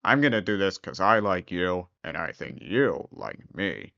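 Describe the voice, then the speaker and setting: Storyteller putting on a low growling, sly hairy beast. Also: big pitch swings, unhurried, gravelly, fairly bright tone, no echo, highs cut off, full character voice. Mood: sly, chummy. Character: big hairy growling male beast, sly, smooth-talking.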